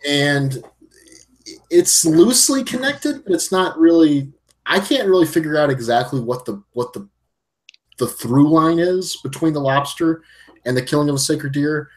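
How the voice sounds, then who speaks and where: A man's voice: a little high, expressive, normal speed. A man chatting on a podcast, recounting a plot in a loose, meandering way. He often doubles back and restarts his sentences as he talks. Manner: rambling, circling back mid-sentence. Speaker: podcast co-host. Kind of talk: casual chat recapping a film.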